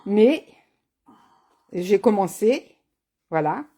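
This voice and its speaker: A woman's voice: medium pitch, lively intonation, drawn-out words, dark tone, slightly rough. Chatty, teasing woman craft demonstrator. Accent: has an accent, not named. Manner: chatty and teasing, addresses viewers by name. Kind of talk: live card-making tutorial.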